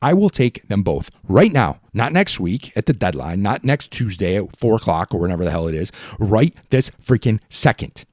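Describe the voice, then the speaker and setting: A man's voice: mid-range voice, darkish tone, no room sound, clean studio sound. A man hosting a fan sports podcast, ranting in a heated, exasperated, pleading way. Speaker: podcast host.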